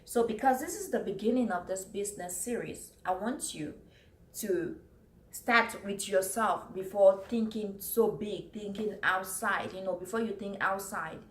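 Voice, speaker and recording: Speaking a little slowly in a mid-range voice, a Cameroonian woman offers business advice to camera in a casual, earnest style. She refers to notes and goes over her points more than once, with room echo and a bit of background noise in the audio.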